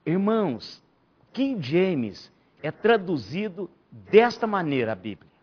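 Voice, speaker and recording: A man's voice: high voice, very animated, slow. A man, a pastor, teaching a Bible study and stressing key phrases by repeating them. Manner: emphatic preacher, repeats key phrases, rising to near shouts. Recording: dull lo-fi church recording.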